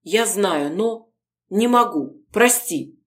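A woman reading the part of a young woman who speaks softly and with resignation in an audiobook. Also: medium pitch, takes it slowly. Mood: resigned. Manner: soft, resigned, calm. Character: weary, quiet young woman.

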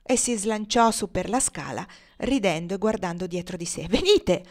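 A woman reading a classic novel aloud in a steady, measured storytelling voice. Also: mid-range voice. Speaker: reader of a novel.

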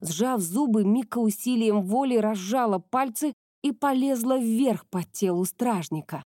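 A woman narrating a fantasy novel as an audiobook in a steady storytelling manner. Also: a little high, unhurried, no echo, clean studio sound.

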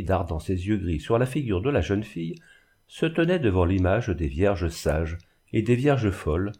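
Narrateur homme, lecture dramatique, voix grave, intonation qui monte et descend beaucoup. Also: male voice, low-pitched, husky. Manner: expressive, dramatic. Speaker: audiobook narrator. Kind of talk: literary reading.

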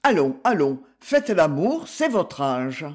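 A man reading aloud voices a haughty, gruff older father, speaking lower and curtly. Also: very animated, takes it slowly. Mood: muddled. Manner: curt, louder, lower voice.

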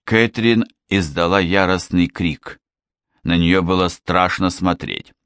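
A man reading a novel aloud as audiobook narration, in a measured, expressive storytelling manner. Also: low-pitched, clear, resonant tone, dry recording. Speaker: audiobook reader. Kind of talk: scripted narration.

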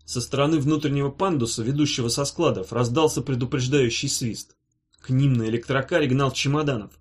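A man reading a novel aloud in an even, measured narration. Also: mid-range voice, breathy edge. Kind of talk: scripted narration.

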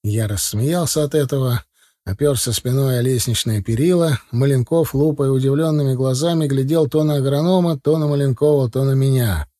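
A man's voice: mid-range voice, normal speed, dark tone, no echo, studio quality. A man narrating an audiobook in the first person, telling the story steadily.

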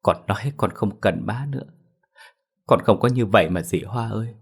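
A man's voice: fairly low pitch, moderate pace, gravelly, slightly rough. A man voicing a grieving grown daughter who begs her mother for forgiveness in a pleading, tearful voice.

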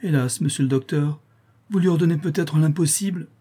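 A stern elderly noblewoman, her voice pitched up high , as a male narrator plays her. She speaks curtly and with force, in a storybook reading. The sound stays mellow and slightly husky. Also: a little fast. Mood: tearful. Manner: harsh, then tearful. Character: stern elderly aristocratic aunt, a marquise. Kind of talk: audiobook reading.

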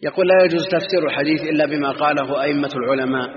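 A man gives a lecture on hadith books in a large reverberant hall, his voice carrying a long tail of echo. He speaks in a measured, scholarly way with long pauses between phrases, and the recording sounds muffled and lo-fi. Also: on the high side. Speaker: Islamic scholar teaching hadith commentary.

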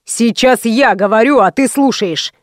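A menacing gang boss barks his threats, as a woman reading a storybook puts him on. The voice is lowered and gruff, rough in manner. Dry, close recording. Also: a little slow, no echo, natural voice. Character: male gang leader, menacing thug. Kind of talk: audiobook character voice.

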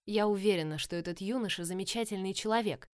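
A woman's voice: medium pitch, fast talker, dry recording, studio quality, lightly acted. Tella, a woman voicing a headstrong young sister. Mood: insistent.

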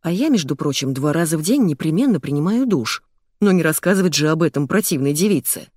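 Woman narrating an audiobook, wry and lively. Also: deep voice, fast, no room sound, clean studio sound. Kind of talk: scripted first-person narration.

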